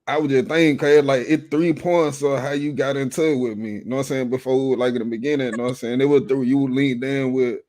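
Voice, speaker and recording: A man hosting a relaxed livestream, talking in an easy, unhurried way. His voice is mellow and dark, and he laughs often while he reads out and greets viewers from the comments. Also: medium pitch. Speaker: livestream host. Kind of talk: casual livestream chat.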